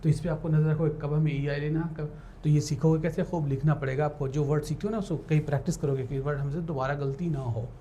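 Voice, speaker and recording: Guy with doing a spelling class, lots of ok? and clear?, spells words out, a bit of hiss behind. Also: on the high side, steady tone, quick pace, mellow. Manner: explains in Hindi, switches to English for definitions and spells words letter by letter; keeps checking in with the class. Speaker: English teacher for law entrance exams. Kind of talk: classroom lecture with spelling drills.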